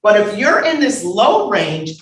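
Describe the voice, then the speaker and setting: Woman, bright tone, lively humorous conference lecturer, echoey room. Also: medium pitch, a little slow. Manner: lively and humorous, calls for next slide. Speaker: conference speaker. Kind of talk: lecture with audience banter. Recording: roomy hall sound.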